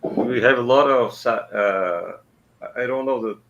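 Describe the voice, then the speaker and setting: Calling in for an informal conversation, this man from Brazil struggles for words in halting English, his Brazilian Portuguese accent clear. He has a mid-range voice, and background noise comes through the dull lo-fi line.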